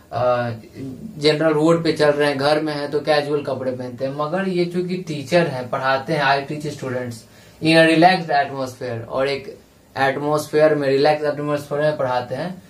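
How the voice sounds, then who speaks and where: A man's voice: fairly high pitch, fairly even intonation, recorded from a distance. Man teaching in an echoey room. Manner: slow, spells words letter by letter; reads English passage slowly, drawn out. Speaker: exam prep teacher. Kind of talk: explaining lesson in Hindi with English terms.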